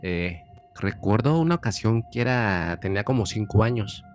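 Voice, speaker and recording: Over soft background music, a guest from Mexico recounts a personal story in a relaxed, chatty manner, his Mexican Spanish accent clear. His voice is lowish and expressive at a normal speed, and he frequently repeats phrases as the memories come back.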